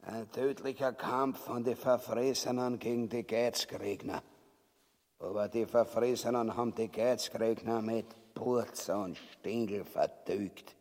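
A man's voice: lowish voice, steady tone, a little slow, a little mellow, close to an everyday voice. An actor playing a pompous, cruel, cowardly buffoon king in a grotesque stage comedy, speaking coarse Austrian dialect. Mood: groggy boasting. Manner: pompous, bellowing and muttering, coarse. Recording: echoey hall with long reverb.

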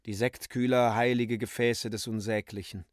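A man giving a theatrical literary reading with wide swings in pitch. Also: little pitch movement, normal speed, dry recording, clean studio sound. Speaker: reader.

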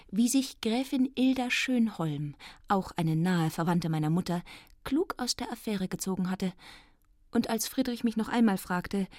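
A woman's voice: medium pitch, darkish tone, no room sound, studio quality. A woman reading a nineteenth-century novel aloud in the first person, in an ironic, affected, theatrical manner. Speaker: reader.

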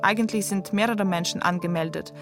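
A woman narrating a documentary she wrote, measured and reflective. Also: mid-range voice, over music.

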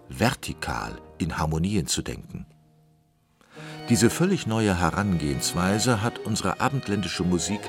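Low-voiced guy doing radio doc narration, steady and explaining, faint music behind. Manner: measured, explanatory. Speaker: documentary narrator.

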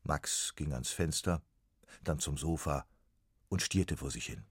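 A man narrating a children's storybook in an expressive, dramatic way. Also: very deep voice, measured pace. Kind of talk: storybook reading.

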